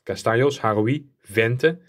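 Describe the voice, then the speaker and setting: Young male gaming creator, mid-pitched voice, rambling live play-by-play over his own match. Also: takes it slowly. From Netherlands. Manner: rambling play-by-play, rising excitedly at goals. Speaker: gaming YouTuber. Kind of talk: live game commentary.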